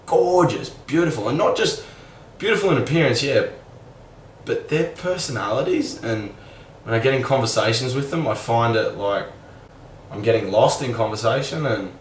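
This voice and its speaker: Young man, casual rambling vlog, fillers and mild swearing, faint hum behind. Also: lowish voice. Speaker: vlogger. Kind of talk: casual reflective monologue. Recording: roomy sound, a bit far from the mic, faint background hum.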